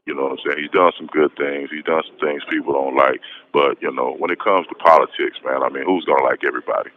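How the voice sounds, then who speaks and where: An interview guest phoning from prison, an American man from west Texas, tells a casual personal account in an extremely low voice. He talks at a quick pace with fairly even intonation. The call sounds muffled and noisy.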